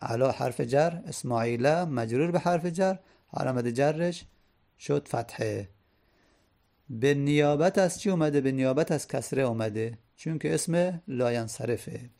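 A man's voice: mid-range voice, vocal fry, warm tone. A man teaching Arabic grammar, patiently repeating each point and example.

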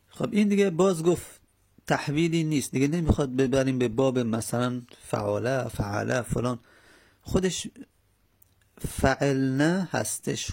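Gravelly man teaching grammar, unhurried. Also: mid-range voice, a little mellow. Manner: explains slowly step by step, with many pauses and fillers. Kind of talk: Arabic grammar lesson.

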